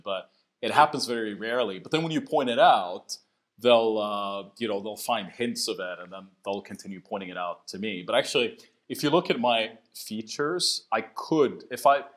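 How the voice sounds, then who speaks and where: Thoughtful and reflective, this man from Sweden talks as a podcast guest, his mid-Atlantic accent carrying hints of Swedish. He tends to repeat words as he starts sentences, and his lowish voice has a fairly bright tone.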